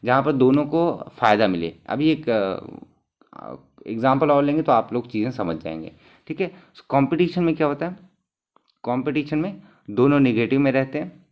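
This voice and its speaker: A male exam-prep teacher, pitched in the middle range. He talks through the questions in a conversational way, asking the class questions and answering them himself, and repeats each key term so it sticks. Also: animated, normal speed, dull audio.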